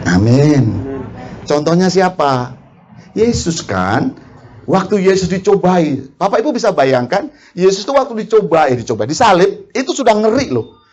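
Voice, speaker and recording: A male preacher, speaking high and with a swooping, animated pitch. He keeps asking the congregation questions and laughs lightly between points. His delivery is that of a lively, conversational sermon. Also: slight background noise. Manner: asks the congregation questions, quick laughs, acts out quarrels.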